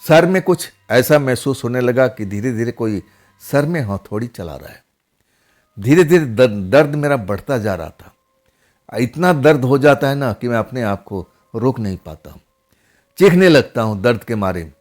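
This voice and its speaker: A man narrating a first-person horror story in a conversational way, with frequent pauses and tag questions. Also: medium pitch, lively intonation, a little mellow.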